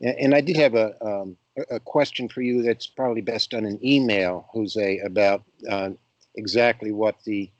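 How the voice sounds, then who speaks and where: A man's voice: lowish voice, normal speed, no room sound, highs cut off. Male moderator, dry close voice, easygoing self-deprecating guide of the talk. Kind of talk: casual academic discussion. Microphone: video call.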